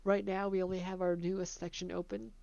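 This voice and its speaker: A woman casually narrating a tour of her own theme park, chatty and relaxed, laughing between remarks. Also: fairly low pitch, a little fast, creaky, no room sound, highs cut off.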